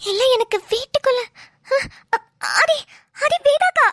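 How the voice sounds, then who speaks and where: Woman doing a panicky but bossy cartoon girl, squeaky high, hurries everyone. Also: animated, a little slow, fairly bright tone, no echo, studio quality, heavily acted. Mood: urgent. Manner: urgent, commanding. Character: alarmed young woman, bossy in a crisis. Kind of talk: cartoon voice acting.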